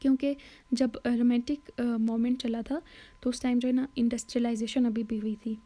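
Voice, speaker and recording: A woman tutor explaining a poem in a mixed Hindi and English lesson, with hesitant fillers and self-corrections, reading quoted lines slowly. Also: fairly high pitch, little pitch movement, mellow. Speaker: literature tutor.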